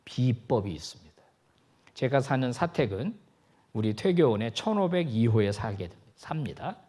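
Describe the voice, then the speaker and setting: A man's voice: mid-range voice, normal speed, slightly rough. A male pastor giving a sermon, joking with the congregation and acting out little dialogues. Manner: animated, jokey, acts out dialogue. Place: church sanctuary.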